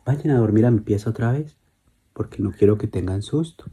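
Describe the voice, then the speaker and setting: A man voicing a calm father reassuring his daughters in a bedtime story, speaking softly. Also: on the low side, fairly quick, husky. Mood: gentle reassuring. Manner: soft, gentle, often near whisper.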